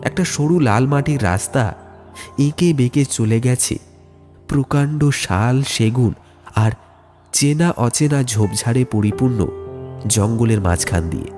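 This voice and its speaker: Over a music bed, a man narrates a scripted ghost story in the first person, keeping it dramatic and suspenseful. His medium-pitched, darkish voice moves unhurriedly, with long pauses.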